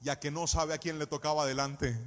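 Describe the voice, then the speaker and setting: A man preaching a sermon in a church, speaking in an animated, sing-song cadence that rises to shouts and mixes in personal stories. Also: fairly high pitch, brisk. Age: adult, married with a child. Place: church service. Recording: echoey church hall.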